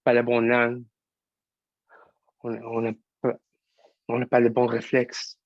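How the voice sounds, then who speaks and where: A man's voice: medium pitch, monotone, takes it slowly, dry recording, dull audio. A young man, a student actor, performing an impassioned theatre monologue as an angry young actor who fights prejudice. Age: young adult.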